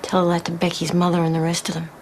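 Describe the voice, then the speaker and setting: An actress playing a bitter, wounded Australian daughter who demands answers in a confrontational way, in a television drama. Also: female voice, on the low side, monotone, quick pace, a little hiss or hum, natural voice. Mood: bitter, accusing. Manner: confrontational, questioning. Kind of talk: naturalistic television drama acting.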